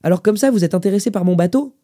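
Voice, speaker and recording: A man's voice: sits high, racing, dark tone, pitched above the performer's own voice. A man voicing a lonely old widower who eagerly welcomes a visitor into his kitchen. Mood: welcoming.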